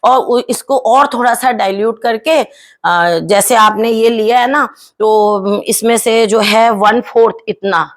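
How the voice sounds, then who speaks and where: A woman's voice: on the high side, takes it slowly. A woman hosts a home gardening tutorial, talking in a chatty, explanatory way with frequent fillers and tag questions, and into her speech. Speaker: gardening channel host.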